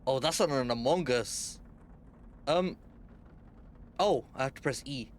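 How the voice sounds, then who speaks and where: A man's voice: medium pitch, unhurried, slight background noise. A young man streaming a game, chatting casually with viewers and swearing a lot. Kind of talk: casual live-stream chat.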